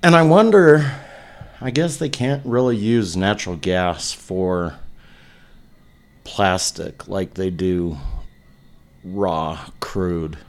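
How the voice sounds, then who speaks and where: Slow, low-voiced man in casual podcast chat. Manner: laid-back, swears freely. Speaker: podcast co-host.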